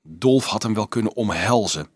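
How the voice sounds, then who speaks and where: A man reading a children's novel aloud as an audiobook narrator, in a steady storytelling manner. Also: lowish voice, moderate pace, no echo, studio quality. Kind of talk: scripted narration.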